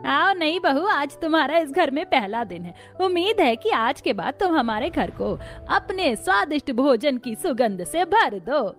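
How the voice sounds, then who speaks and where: A woman voicing a stern, food-loving older mother-in-law in an animated family drama, talking in a bossy, demanding way. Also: high-pitched, measured pace, few pauses, faint music behind, heavily acted. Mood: commanding.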